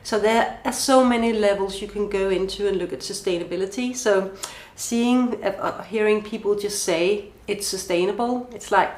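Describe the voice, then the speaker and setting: A Danish woman from Denmark answers podcast interview questions with a medium-pitched voice at a moderate pace, pausing little. She's thoughtful, runs through a list of questions, and restarts a few times. The room is spacious and echoey.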